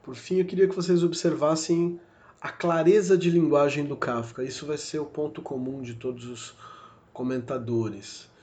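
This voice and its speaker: A man's voice: on the high side, steady tone, moderate pace, darkish tone. A man with a Brazilian Portuguese accent giving a recorded literature lecture, reflective and searching, with many fillers and self-corrections. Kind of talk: recorded university lecture podcast.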